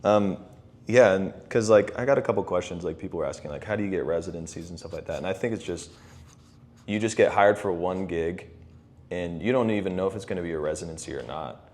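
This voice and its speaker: A young man with a very low voice hosts a relaxed podcast conversation. He talks loosely, full of "like" and "um", and laughs easily between questions. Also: quick pace. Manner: relaxed, many fillers and laughs. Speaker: podcast host. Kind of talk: casual interview chat.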